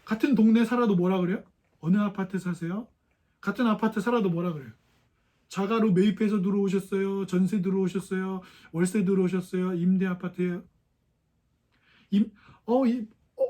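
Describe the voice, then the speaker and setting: Man, pastor, high-pitched voice, conversational sermon, lots of rhetorical questions to the congregation. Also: brisk, mellow. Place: church sanctuary.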